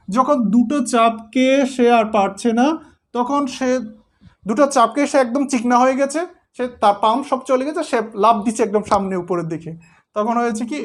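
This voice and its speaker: Patient classroom teacher, mid-pitched, walks through each example step by step. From Bangladesh. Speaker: grammar teacher. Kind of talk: explaining sandhi at a board.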